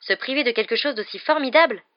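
A woman voicing an excitable, easily indignant teenage boy wizard, in a dull lo-fi recording. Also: mid-range voice, fast, dry recording, close to an everyday voice. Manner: eager and indignant.

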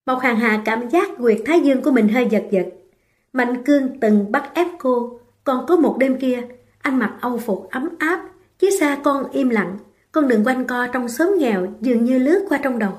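A woman narrating a romance novel in a steady, even reading voice. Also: high-pitched, moderate pace. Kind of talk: scripted audiobook narration.

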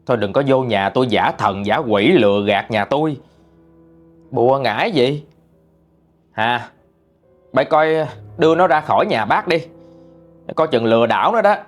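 A man's voice: mid-range voice, expressive, moderate pace, pauses often, soft background music, natural voice. A man voicing a stern, skeptical older father who scolds a stranger out of his house. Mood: angry.

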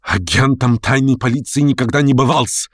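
A man's voice: sits low, fairly quick, husky, no echo, studio quality. A man voicing an irritable, easily offended lame man who answers with indignation. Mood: indignant. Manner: touchy, indignant.

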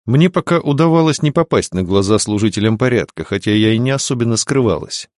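A man giving expressive first-person narration of an audiobook. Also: mid-range voice, fast, no echo, studio quality.

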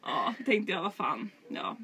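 A young woman telling a story in casual chat, animated and acting out other people's lines. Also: mid-range voice, creaky. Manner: animated storyteller, acts out others in exaggerated English.

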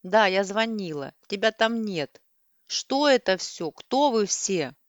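A woman's voice: medium pitch, expressive, takes it slowly, dry recording, studio quality. A woman voicing a distraught young woman who is crying and pleading. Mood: frantic shouting.

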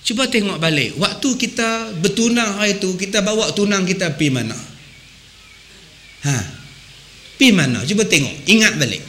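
A man preaching a humorous sermon, animated and acting out voices as he goes. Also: high-pitched, moderate pace, pauses often, slight background noise. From Malaysia. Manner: animated, sings song snippets and acts out voices.

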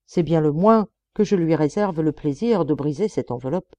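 A level-headed young male detective, voiced by a woman narrating an audiobook, who talks a hot-tempered superior down with calm reasoning. The tone is low and mellow, with lively rises and falls. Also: moderate pace, no room sound, dull audio. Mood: persuasive.

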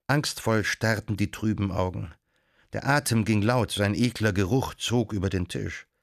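A man narrating a literary novel as an audiobook in a measured, expressive storytelling manner. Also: fairly low pitch, no echo, clean studio sound.

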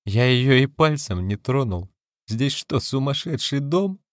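A man reading an audiobook, voicing a bitter, bewildered husband who answers gruffly and sarcastically. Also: medium pitch, expressive, unhurried, no echo, clean studio sound, voice pushed up, close to an everyday voice. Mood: sarcastic.

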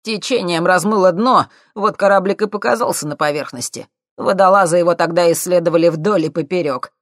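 A man doing a loud, cocky young street crook. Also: sits high, brisk, dry recording, studio quality, pitched above the performer's own voice. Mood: sly. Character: brash scruffy young male petty crook.

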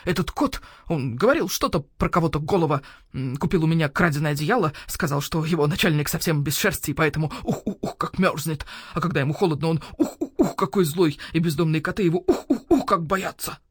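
A woman's voice: low-pitched, lively intonation, fairly quick, breathy edge, dry recording. A woman voicing a nervous, wheezing owl shopkeeper who stammers hoots into his words, in a dry audiobook recording. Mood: flustered. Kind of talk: audiobook character voice.

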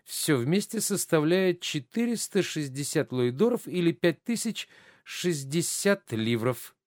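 A man's voice: on the high side, big pitch swings, measured pace, no room sound, studio quality, pitched above the performer's own voice. A man reading a stage play aloud, voicing a gullible, eager middle-aged bourgeois who fawns over a noble. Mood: reckoning.

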